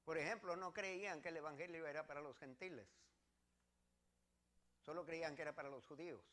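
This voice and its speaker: A man's voice: fairly high pitch, fairly quick, bright, forceful tone. A man from Mexico, preaching a sermon as pastor and reading scripture verses with earnest repetition.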